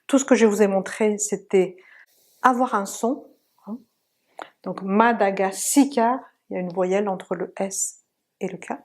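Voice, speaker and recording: Woman, pronunciation teacher, slow unhurried delivery, patient, repeats each sound. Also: medium pitch, darkish tone. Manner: patient, drills sounds slowly and repeats examples. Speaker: language teacher. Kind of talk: pronunciation lesson.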